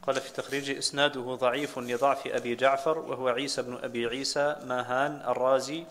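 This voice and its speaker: A man's voice: medium pitch, little pitch movement, fast, a bit bright. A man reading a religious text aloud for his teacher, steadily reciting quotes and long lists of names.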